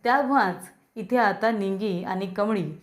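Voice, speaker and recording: A woman's voice: mid-range voice, measured pace. A woman narrating a recap of a TV serial episode and addressing viewers directly.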